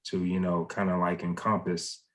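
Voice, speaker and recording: A man with a fairly low voice leads a meditation group over a video call. He sounds easygoing and gently encouraging and invites each person to share. The sound is plain and casual, like a home video call. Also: little pitch movement, moderate pace, low-quality recording.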